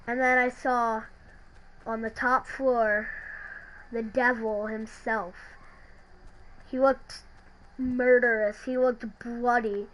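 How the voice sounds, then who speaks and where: A woman telling a creepy story in a halting, hesitant way, often restarting her sentences. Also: fairly high pitch, little pitch movement, a bit bright, poor audio. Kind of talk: creepypasta narration.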